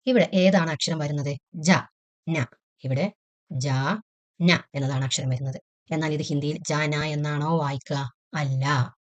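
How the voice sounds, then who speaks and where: A woman's voice: low-pitched, darkish tone. A woman teaching a patient lesson, asking questions and then answering them herself, sounding out letters one at a time. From Kerala. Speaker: Hindi teacher. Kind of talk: classroom-style lesson explanation.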